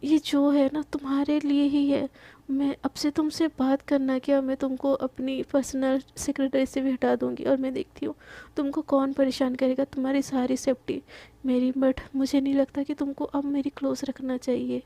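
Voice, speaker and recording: Lady doing a soft pleading young boss woman, dark mellow tone, steady flat delivery. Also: high voice, normal speed, dry recording. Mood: tender. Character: stern young woman boss, tender underneath.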